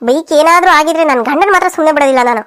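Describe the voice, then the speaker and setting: A woman's voice: high-pitched, rapid-fire, fairly bright tone. A woman voicing several quarrelsome village women in a cartoon comedy, scolding and wailing dramatically.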